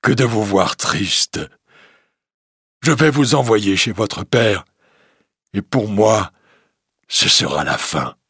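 A man voicing a gentle, lonely male beast in a storybook reading, speaking slowly and earnestly. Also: lowish voice, animated, husky, dry recording, clean studio sound, exaggerated voice. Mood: sorrowful. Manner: slow, earnest, pleading delivery.

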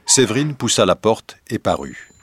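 Low-voiced man reading a novel. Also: big pitch swings, normal speed, background noise. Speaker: narrator. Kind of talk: audiobook reading of a classic novel.

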